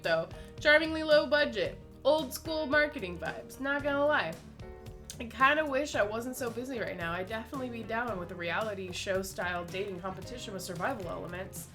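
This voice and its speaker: A woman's voice: on the high side, fairly bright tone. Lady playing a laid-back bragging pop-star killer dude, slangy and cocky. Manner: boastful slangy patter. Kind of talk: dramatic game dialogue reading.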